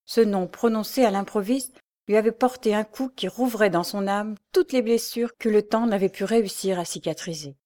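A woman narrating a classic novel as an audiobook, with a steady, expressive storytelling manner. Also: mid-range voice, moderate pace.

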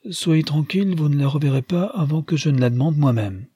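A grave old grandmother with a dark, husky voice pitched high above the reader's own, as a man puts her on. She speaks briskly and with emphasis, waving away preambles. Dry, close sound. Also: no echo. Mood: confiding. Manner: brisk and emphatic, gets straight to the point.

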